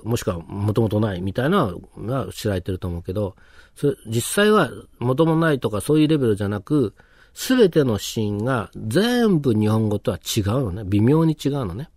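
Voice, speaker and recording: A man's voice: on the low side, a little mellow, no echo, studio quality. A man teaching pronunciation in a casual lecture, explaining step by step with many fillers and tag questions.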